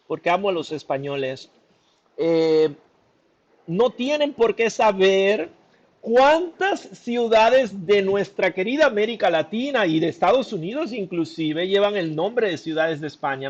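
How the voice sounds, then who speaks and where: A man hosts a casual interview over a video call. His voice sits high for a man, and he talks in an effusive, expressive way and laughs often. The sound is slightly dull and lo-fi. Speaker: interview host.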